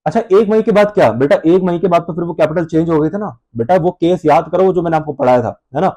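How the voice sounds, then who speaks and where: A man's voice: on the high side, fast, dark tone. A male accounts teacher giving a conversational lecture, calling students "beta", voicing their replies himself and often correcting and repeating himself. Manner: conversational, self-correcting, repeats key terms. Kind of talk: Hindi classroom lecture.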